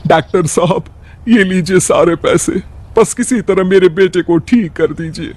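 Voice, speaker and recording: A man's voice: sits high, unhurried, a little mellow. A man voicing a worried, caring older village mother-in-law, fretful and affectionate. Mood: pleading.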